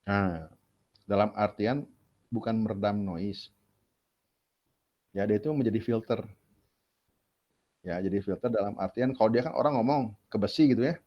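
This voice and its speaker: A male lecturer, giving a casual, chatty classroom lecture and asking rhetorical questions as he explains. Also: on the low side. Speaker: university lecturer. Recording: dull lo-fi classroom recording.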